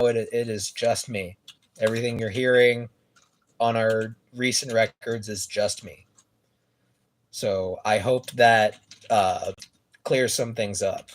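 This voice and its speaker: A man streaming a game and chatting casually, rambling with lots of fillers and restarts, on a phone mic set some way off. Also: on the low side. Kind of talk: casual live-stream chat. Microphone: phone mic some distance away.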